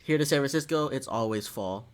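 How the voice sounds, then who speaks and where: A man's voice: medium pitch, animated, a little fast. Upbeat male podcast co-host. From Florida, USA. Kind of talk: casual chat.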